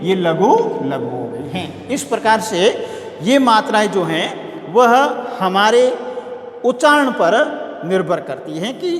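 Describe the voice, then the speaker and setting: A man's voice: high voice, very animated, takes it slowly, a bit bright. A male college teacher giving a classroom lecture, repeating key words and asking the class questions as he explains. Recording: echoey room with long reverb.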